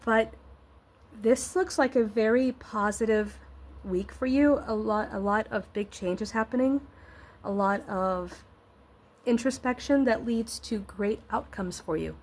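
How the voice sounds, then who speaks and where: Hosting and reading tarot, a woman talks at a measured pace in a fairly high, slightly scratchy voice that sounds stuffed up, like she's getting over being sick. She's casual and supportive, though her wording meanders as she gropes for the right phrase.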